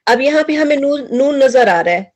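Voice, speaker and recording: A woman teaching a tajweed class, drilling students slowly with repeated questions and mixing English words into her speech. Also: sits high, animated, slight background noise. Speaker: Quran recitation teacher.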